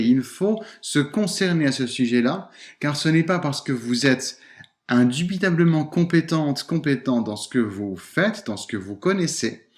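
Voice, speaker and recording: Guy voice coach doing a podcast lesson, mid pitch, bouncy lively intonation, leans on stressed syllables. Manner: expressive, plays with intonation and stress while demonstrating. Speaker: voice and public speaking coach.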